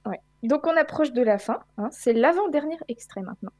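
A woman's voice: high voice, expressive, fairly quick, darkish tone, no echo, studio quality. A woman hosting a casual film quiz over a remote call, playful and laughing often. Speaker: host running a film quiz. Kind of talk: casual chat. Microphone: remote call microphone.

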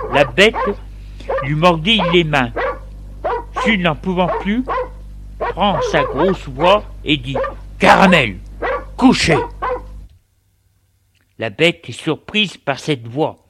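A man reading a story aloud in a slow, deliberate way. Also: a little high. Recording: steady background noise.

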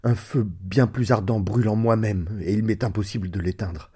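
A man's voice: on the low side, steady tone, moderate pace, dark tone, breathy edge. A man voicing a desperate, guilt-ridden husband who pleads in a raised, strained voice in a storybook reading. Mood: desperate pleading.

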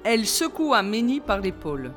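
A woman reading a children's novel aloud in a measured, expressive way. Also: medium pitch, soft background music. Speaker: reader.

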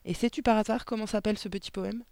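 A man voicing a gentle young schoolteacher. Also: high voice, steady tone, fast, vocal fry, no room sound, studio quality, pitched above the performer's own voice. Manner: warm, encouraging, easily delighted. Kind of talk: audiobook character voice.

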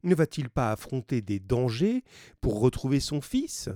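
Guy doing a young woman who won't back down, firm, pleading, dark mellow tone. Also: medium pitch, sing-song, a little slow, dry recording, studio quality, pitched above the performer's own voice. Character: young woman, resolute and devoted.

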